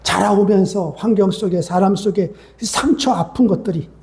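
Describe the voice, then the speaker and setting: A man's voice: high voice, moderate pace, vocal fry, a little mellow, slight background noise. A male pastor preaching a sermon, calling out to the congregation with rising exclamations and repeated questions. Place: church sanctuary. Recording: echoey church hall sound.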